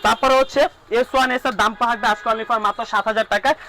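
A man's voice: very high voice, steady tone, racing, bright, forceful tone, low-quality recording. A man with a Bangladeshi Bengali accent works as a drone shop salesman, running through prices in repetitive sales patter and checking in with "all right?". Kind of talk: rapid-fire price rundown.

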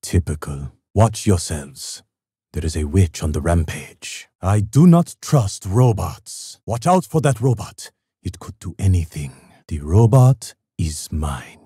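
Video game samurai: stoic, courteous, formal. Low-pitched voice, dry close recording. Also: male voice, sing-song, warm tone, breathy edge, no echo, full character voice. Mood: wary. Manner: formal, measured, solemn, no contractions. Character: stoic, honorable time-lost samurai swordsman, polite and grave. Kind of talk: video game character voice lines.

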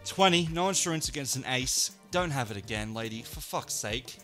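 A man commentating his own live blackjack play, excitable and swearing a lot, swinging from low muttering to loud shouts. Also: moderate pace, faint music behind. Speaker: online casino streamer.

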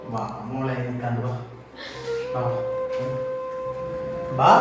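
A man's voice: medium pitch, very echoey, distant mic, natural voice, poor audio. A man playing a husband about to leave for a Gulf job, coaxing and soothing his wife in an amateur short film. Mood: reassuring.

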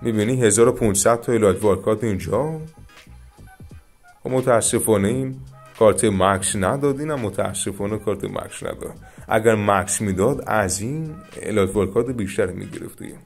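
An Iranian man talks viewers through a mobile strategy game in a chatty, excited way. His voice sits low in pitch. Faint game music plays under his commentary. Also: vocal fry. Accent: Iranian Persian. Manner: excited, chatty, often addresses viewers as dear friends. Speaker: gaming YouTuber. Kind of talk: casual gameplay commentary.

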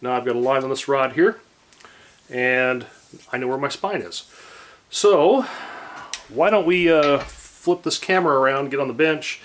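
A man in his forties hosting a casual workshop tutorial, talking in a relaxed, rambling way with many fillers and restarts, recorded in a home workshop on a camera a few feet away. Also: mid-range voice, measured pace, long pauses. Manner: relaxed and rambling, lots of fillers and self-corrections. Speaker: woodworking channel host.

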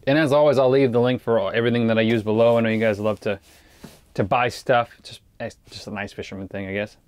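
Facing an action camera in a small shelter on a frozen lake, a fishing vlogger rambles in a relaxed way to his viewers. He talks fast at a medium pitch with a steady tone. The sound is clean and free of echo.

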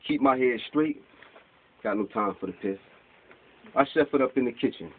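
A man in his forties reads his rhyming spoken word poems from papers at an open mic in a small bookstore, gesturing as he recites in a rhythmic way. His voice is medium-pitched and lively, at a moderate pace. A camera across the room captures it with tinny lo-fi audio and a little hiss or hum.

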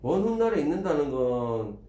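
A man teaching a classroom lesson, animated and teasing as he quizzes students. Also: a little high, moderate pace, muffled recording, slight background noise. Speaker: Korean language tutor. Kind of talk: classroom lecture. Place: small classroom. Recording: roomy classroom, faint ambience.

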